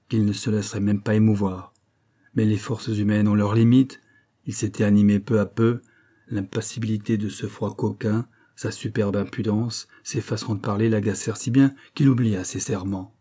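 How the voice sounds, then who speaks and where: Narrateur à la voix grave et sombre. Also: male voice, on the low side, little pitch movement, moderate pace, warm tone. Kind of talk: audiobook narration.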